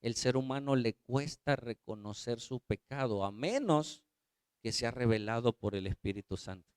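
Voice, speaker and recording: Pastor preaching, clear and smooth. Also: male voice, medium pitch, lively intonation, moderate pace, darkish tone, no room sound, studio quality. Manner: rhetorical questions to listeners; acts out quoted voices. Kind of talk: sermon.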